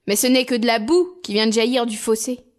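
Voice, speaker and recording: A woman's voice: a little high, steady tone, brisk, lightly acted. Lady reading snooty older brothers, teasing and scornful, storybook. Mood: mocking. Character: two mocking young noblemen, the elder brothers.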